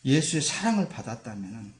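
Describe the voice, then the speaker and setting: A man's voice: mid-range voice, big pitch swings, a little fast. A man preaching a sermon as pastor, emphatic and dramatic, acting out quoted voices. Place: church sanctuary. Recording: echoey church hall.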